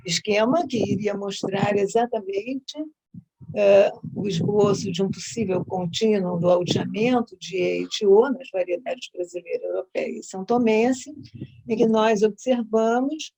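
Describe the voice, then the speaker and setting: A woman professor speaking at an academic conference over a video call, calm and a little hesitant, with restarts. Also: mid-range voice, vocal fry, rough recording.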